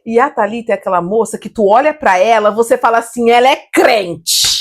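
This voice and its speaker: Animated Brazilian woman telling stories. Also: a little high, quick pace. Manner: animated storytelling, laughs often, acts out quotes. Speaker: guest, salon owner. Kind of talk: casual podcast interview.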